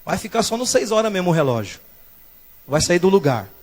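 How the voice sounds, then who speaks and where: Man, são paulo brazilian accent, pastor, sermon in a church, high-pitched, loud surges and soft asides. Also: sing-song, brisk. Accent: Brazilian Portuguese, São Paulo. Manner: preaching with loud rising bursts and quiet asides.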